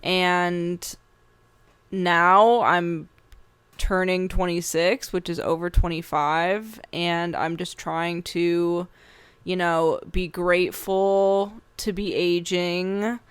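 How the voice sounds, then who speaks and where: A young woman in her twenties chats casually on a podcast with a low, smooth voice. She sounds a little tired from a late night and fills her talk with "like." The sound is close and dry. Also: little pitch movement, very slow, no room sound. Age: 20s. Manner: chatty, laughs often, says "like" a lot. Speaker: podcast co-host. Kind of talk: casual chat.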